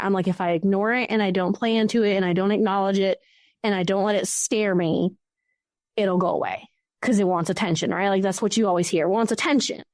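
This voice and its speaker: A woman guest recounting her own haunting experience, animated and acting out what people said. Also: medium pitch, no echo, clean studio sound. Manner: animated storyteller who acts out quoted speech. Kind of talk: recounting a personal ghost story.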